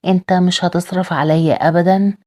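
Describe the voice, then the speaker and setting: A woman's voice: lowish voice, fairly even intonation, a little fast, darkish tone, natural voice. A woman with an Egyptian accent reading the lines of a bitter, defiant young mother. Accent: Egyptian Arabic.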